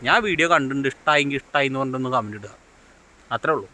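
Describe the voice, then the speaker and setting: A man's voice: medium pitch, rapid-fire, pushed and bright. A man giving a casual, rambling recap of a TV serial episode outdoors, with frequent restarts and passing vehicles behind. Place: outdoors beside a road.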